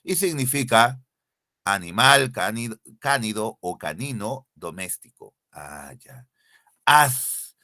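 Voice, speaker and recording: A man teaches an online lesson over a computer mic, drilling definitions and firing exam-style questions at his students. His voice is bright and forward, with a pitch that rises and falls widely. The sound is dry and close, with no room echo. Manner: repeats key definitions, quizzes students directly. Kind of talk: online exam-prep class. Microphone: computer mic, screen sharing.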